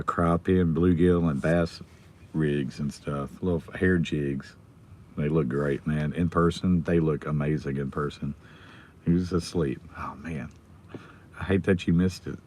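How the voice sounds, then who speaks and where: An American man with his voice nearly gone, chatting casually and quietly as a livestream host while sitting in a car. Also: extremely low pitch, steady tone, measured pace. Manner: subdued, holding the volume down. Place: inside a car in a school pickup line. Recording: noticeable background noise in a car.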